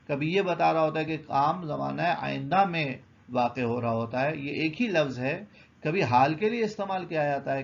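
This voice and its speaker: A man teaches a grammar lesson with a gravelly, slightly raised voice. He explains step by step and answers his own questions. The recording sounds muffled and lo-fi. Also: a little high.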